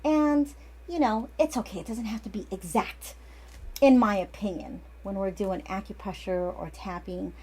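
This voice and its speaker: A woman's voice: mid-range voice, normal speed, darkish tone, husky. A woman in her forties, an acupuncturist, giving a casual, chatty lesson that often wanders off and restarts. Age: 40s. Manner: chatty and digressive, with frequent restarts. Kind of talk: casual instructional talk.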